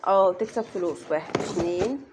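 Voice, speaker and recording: With a fairly low pitch and a slightly fast delivery, a young Egyptian-accented mother talks casually to her vlog audience as she unboxes snacks and counts things aloud. There is background noise in the clip.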